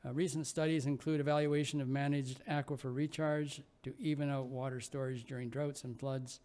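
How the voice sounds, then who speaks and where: A man chairing a session, introducing the next speaker in a formal, measured way. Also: mid-range voice, level tone, a little mellow.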